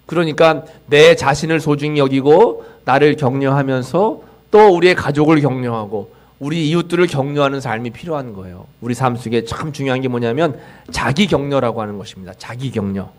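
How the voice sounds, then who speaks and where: A man preaching a sermon as a pastor in a church, swinging from loud emphasis to near-whispered line endings and acting out voices of self-talk. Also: mid-range voice, lively intonation, brisk. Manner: dramatic swings in loudness, trailing off to near-whispers at line ends; acts out quoted self-talk and leads the congregation in call-outs. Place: church sanctuary.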